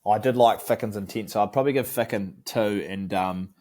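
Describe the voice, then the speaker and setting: A young man with a broad New Zealand accent and a fairly low voice. He chats like he is among mates, loose and slangy, circling back over his own phrases as he goes. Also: brisk, mellow, a little hiss or hum. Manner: laid-back, slangy, repeats himself. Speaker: podcast co-host. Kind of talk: casual banter between mates.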